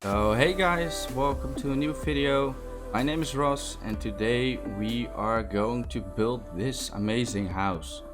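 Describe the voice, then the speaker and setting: A young Dutch man with a Dutch accent and a mid-range voice walks through a Minecraft build at a measured pace, hosting a building tutorial. His casual, enthusiastic gameplay commentary is full of fillers and restarts, with loud music behind his voice.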